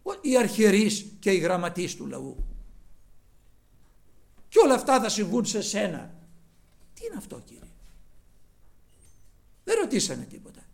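Male preacher, high and very animated voice, rough edge, loud-to-hushed swings. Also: pauses often. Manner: swings between loud exclaiming and low quiet asides. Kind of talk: sermon.

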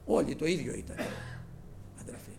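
Male preacher, high and very animated voice, rough edge, loud-to-hushed swings. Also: a little hiss or hum. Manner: swings between loud exclaiming and low quiet asides. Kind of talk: sermon.

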